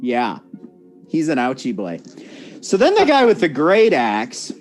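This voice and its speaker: A man's voice: medium pitch, a little slow, faint music behind. Laid-back man running a tabletop game. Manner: relaxed, laughing, self-correcting. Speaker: dungeon master.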